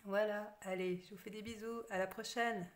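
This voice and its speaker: A woman giving a casual tarot card reading, hesitant with many fillers and soft half-whispered asides. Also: mid-range voice, fairly even intonation, moderate pace. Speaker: tarot reader.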